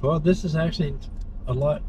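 A man's voice: a little high, brisk. A man hosting a vlog while driving, chatting informally and often checking with short tag questions. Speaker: vlog host and driver. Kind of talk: casual chat while driving. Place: inside a car, driving. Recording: noisy moving car interior. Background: car and road noise.

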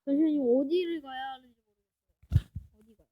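A woman's voice: sits high, steady tone, fast, muffled recording, a little hiss or hum. A woman playing through a parkour map, chatting playfully to herself and her viewers as she goes. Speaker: game streamer. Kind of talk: casual Minecraft parkour playthrough commentary.

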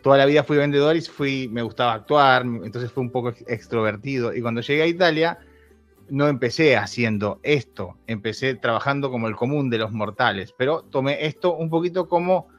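This thirty-something Uruguayan YouTuber, a guest in a casual interview, talks a little fast in a mid-range voice, speaking candidly, laughing often and restarting his sentences. Faint music plays beneath the dull, lo-fi recording.

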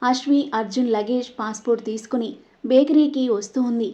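A woman narrating a dramatic story in a steady, scripted reading voice. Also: on the high side, brisk. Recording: dull lo-fi recording.

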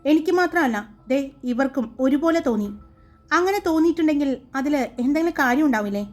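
A woman's voice: high voice, animated, quick pace, soft background music. A woman voicing a stern, protective young man who questions others bluntly.

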